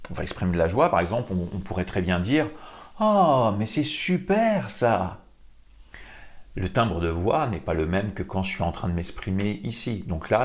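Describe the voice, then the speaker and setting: A man who works as a vocal coach, giving an animated lesson to camera and putting questions to the viewer. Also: fairly low pitch. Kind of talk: teaching video to camera.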